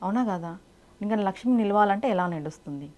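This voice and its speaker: A woman's voice: medium pitch, animated, fast, mellow. A woman giving devotional advice in a direct, instructive way, often asking rhetorical questions. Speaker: spiritual speaker.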